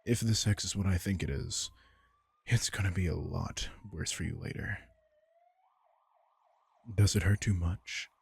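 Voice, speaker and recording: Close on the mic, a man acts a deep, very husky vampire king who is protective and worried over an injured companion. He speaks slowly and tenderly in this intimate audio roleplay, in a full character voice that is gravelly and soothing.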